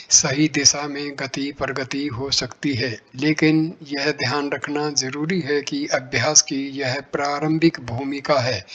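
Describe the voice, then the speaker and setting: Slow, flat-voiced man reading spiritual teachings. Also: on the high side. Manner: measured, even, explanatory. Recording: dull lo-fi recording.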